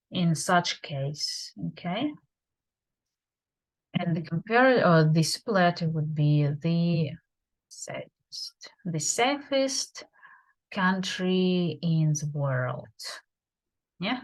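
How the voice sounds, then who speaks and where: A woman gives an online grammar lesson, taking her time over each point. Her voice sits a little low, and she pauses often on fillers as she explains the rules deliberately. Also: fairly bright tone. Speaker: English teacher. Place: home.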